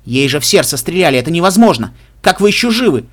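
A man voicing a frantic middle-aged doctor who talks loudly and brusquely in an audiobook reading. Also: medium pitch, close to an everyday voice. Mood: shocked. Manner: loud, hurried, brusque.

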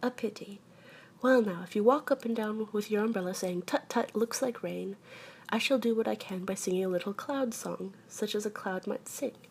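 A woman voicing a small, earnest, self-important and rather anxious male toy bear in a children's storybook, speaking deliberately. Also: mid-range voice, gravelly, a little hiss or hum, close to an everyday voice.

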